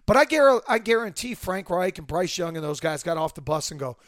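A man hosting a sports podcast with emphatic, opinionated football commentary, his voice hoarse from a cold. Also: high voice, very animated, a little fast, a bit bright, no echo, clean studio sound. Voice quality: hoarse, worn voice.

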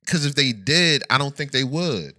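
A man's voice: medium pitch, expressive, normal speed, pushed and bright, no echo, studio quality. A man co-hosting a podcast in casual chat, laid-back and often laughing. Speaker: podcast co-host.

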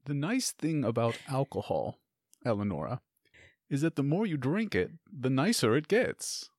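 A man playing a worldly, reassuring adventurer in an improvised tabletop game, measured, mentoring and droll. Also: medium pitch, big pitch swings, a little mellow, dry recording, clean studio sound. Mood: wry, advising. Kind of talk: improvised tabletop role-play.

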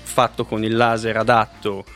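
Methodical man, lowish voice, explaining. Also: monotone, normal speed, a bit bright, soft background music. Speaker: guest aesthetic medicine practitioner. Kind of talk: conversational interview answers.

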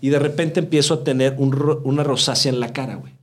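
Mexican man, casual podcast guest, slangy and animated storyteller. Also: mid-range voice, fast talker. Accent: Mexican Spanish. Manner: slangy, animated, acts out quoted dialogue.

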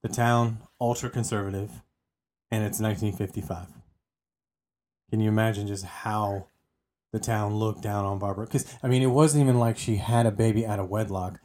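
Casual podcast co-host, male, mellow tone, chatty and given to restarts. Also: on the low side, steady tone, moderate pace. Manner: chatty, often repeats words while restarting. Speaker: podcast co-host telling the story. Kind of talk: casual true-crime podcast storytelling.

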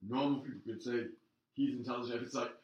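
A man's voice: mid-range voice, fairly even intonation, fast, far from the mic, dull audio. A middle-aged man from Florida, talking casually and explaining his points at length. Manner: talkative, argues with long explanations. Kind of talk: casual podcast banter. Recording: echoey room, off-mic.

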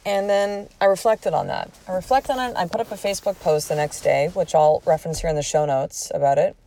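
A woman's voice: on the low side, fairly quick. Candid, profane woman in her forties. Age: 40s. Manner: candid and profane, animated retelling with quoted speech. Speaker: podcast host. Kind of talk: personal storytelling monologue.

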